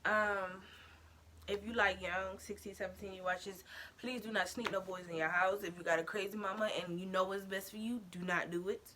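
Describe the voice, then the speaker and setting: A young woman telling a storytime vlog story in an animated, slangy way, talking straight to her viewers. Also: medium pitch, brisk, slight background noise. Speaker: vlogger.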